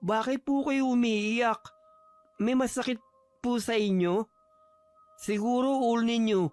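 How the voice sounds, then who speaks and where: A man acts out a sweet, devoted son, soft-spoken and polite, in a high, light voice. Faint music hums under this audio drama. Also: steady tone, a little slow, clear, resonant tone. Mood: tender. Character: gentle devoted son caring for his mother.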